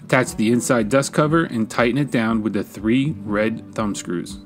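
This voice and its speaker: A man, a woodworking channel host, giving calm, measured step-by-step voice-over instructions. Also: mid-range voice. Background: faint guitar music.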